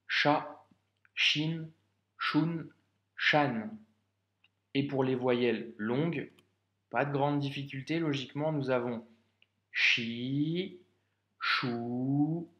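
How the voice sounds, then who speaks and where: A man's voice: mid-range voice, a bit bright, roomy sound. A man giving a patient, step-by-step reading lesson, talking straight to the learner and checking often that they follow. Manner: patient, addresses the learner directly with frequent checks. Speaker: Arabic reading teacher.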